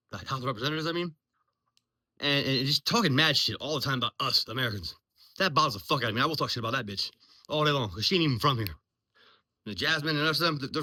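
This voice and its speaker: His voice is a little high, pushed and bright: a man from Virginia, US, in his 40s and nearly fifty, who vlogs as a military veteran. He talks unscripted, blunt and profane, rambling along with lots of ums.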